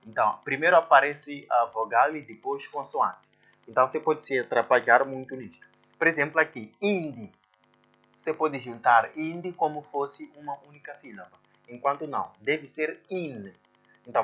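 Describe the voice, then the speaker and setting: Bright-voiced teacher explaining. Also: male voice, a little high. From Mozambique. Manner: explains step by step, sounding out syllables. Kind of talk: exam walkthrough lesson.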